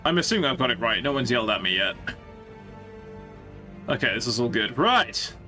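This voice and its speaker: A man's voice: medium pitch, very animated, brisk, sharp tone, soft background music. A man chatting casually on a game live stream, rambling and thinking aloud to his viewers.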